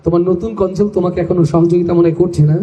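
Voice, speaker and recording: High-voiced man rousing a live crowd. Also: flat delivery, rapid-fire, dark tone. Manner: rousing the crowd with call-and-response; gives instructions to the sound crew. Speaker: stage host and singer of an Islamic program. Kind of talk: live stage emceeing. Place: live outdoor-style stage event with audience. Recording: echoey, reverberant live PA sound.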